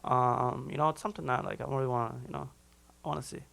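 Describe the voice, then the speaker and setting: A young man from Minnesota, a musician guest chatting casually in an interview, loose and relaxed with frequent restarts. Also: mid-range voice, quick pace, gravelly. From Minnesota, USA.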